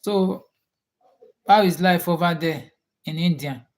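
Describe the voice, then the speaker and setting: A livestream host with a Nigerian accent and a voice on the high side chats casually with his viewers. His pace is unhurried and drawn out, and he often repeats his questions while waiting for replies.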